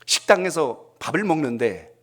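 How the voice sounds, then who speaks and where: Middle-aged pastor telling stories. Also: male voice, on the high side, big pitch swings, normal speed, a bit bright. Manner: storytelling, asking the congregation questions. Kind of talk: sermon.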